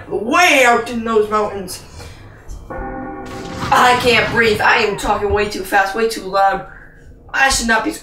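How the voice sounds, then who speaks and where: A woman rattles off playful commentary as she plays a VR shooter, calling her own wins like a sports announcer. Her voice is high and bright, a little distant from the mic, with a roomy echo. Faint music sits under her talk. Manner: jokey, rambling, plays announcer to herself. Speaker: gaming channel host. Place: indoors, playing a VR game.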